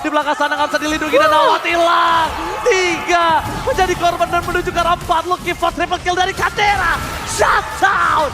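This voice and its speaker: A man shoutcasts a game in an Indonesian accent with the hype of a fighting-game announcer. His voice is pushed extremely high as he shouts out the play-by-play. Loud music runs behind him. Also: fairly quick, few pauses, a loud crowd. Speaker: esports shoutcaster. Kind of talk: live game commentary.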